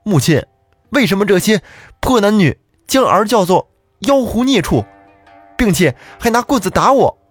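A man voicing an indignant young man who shouts in protest when attacked at his own home. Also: high voice, big pitch swings, moderate pace, slightly rough, faint music behind, pitched above the performer's own voice, heavily acted. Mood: pleading. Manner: loud, protesting and bewildered.

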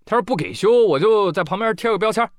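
A man's voice: high-pitched, animated, quick pace, dry recording, studio quality, voice pushed up. A man voicing a boastful car owner, chuckling and pleased with himself. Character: boastful car owner proud of a tiger scratch.

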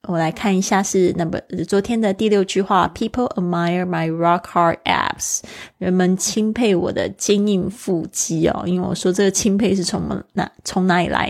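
A woman's voice: mid-range voice, vocal fry, a little mellow. A woman, an English teacher who explains step by step and models English pronunciation. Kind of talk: language lesson.

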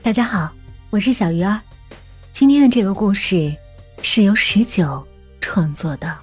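A woman narrating an audio story in a soft, unhurried storytelling manner. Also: medium pitch, expressive, breathy edge, soft background music.

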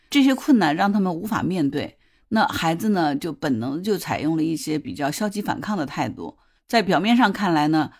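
A woman's voice: lowish voice, a little mellow. A woman hosting a parenting advice podcast. She talks in a conversational way and often puts questions to her listeners. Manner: tells a story from a TV drama in detail. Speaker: podcast host.

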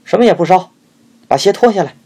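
Man putting on a shrill scolding stingy wife. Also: lively intonation, quick pace, warm tone. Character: stingy cruel old-Beijing woman, harsh master's wife.

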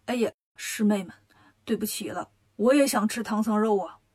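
A woman voicing a sly, scheming male Taoist villain, pitched low and smug. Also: brisk, lightly acted.

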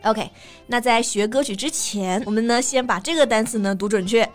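Woman, fairly high voice, upbeat English teacher, faint music behind. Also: normal speed. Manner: upbeat, explains words, switches easily into English. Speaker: co-host of an English lesson show. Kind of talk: bilingual English lesson chat.

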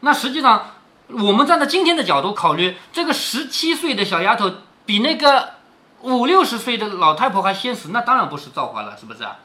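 A man's voice: high-pitched, sing-song, a little fast, bright, forceful tone. A man explaining a classic novel to his daughter, retelling the story and stopping often to ask rhetorical questions and explain old words.

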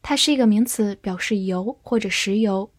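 A woman giving a scripted English vocabulary lesson, spelling words out and reading example sentences slowly. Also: medium pitch, no echo.

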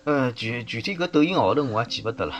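A man's voice: medium pitch, animated, fast, faint music behind. A man in his fifties with a Shanghainese accent, a guest in a casual chat who often repeats words as he starts. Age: 50s.

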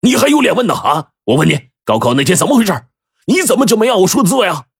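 A man voicing a furious middle-aged male company boss who shouts and stammers in rage. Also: high-pitched, sing-song, quick pace, slightly rough, no room sound, studio quality, pitched above the performer's own voice, full character voice.

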